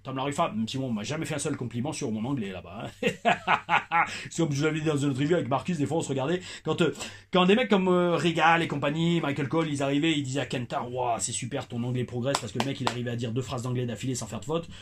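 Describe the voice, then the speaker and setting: A man from France hosting a casual wrestling review, talking in an animated, playful way with many asides. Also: medium pitch, fast, noisy background. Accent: French. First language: French.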